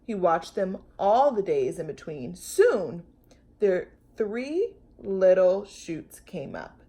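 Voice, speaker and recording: Reading a picture book to children, this female storytime host narrates expressively, drawing words out and adding playful sound effects. She has a lowish, slightly rough voice.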